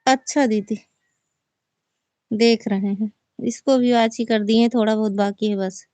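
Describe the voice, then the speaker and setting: Slow-talking Awadhi woman, live-stream chat. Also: on the high side, fairly even intonation, mellow, dry recording. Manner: chatty, reads viewer comments aloud and answers them. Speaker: folk singer hosting a live stream.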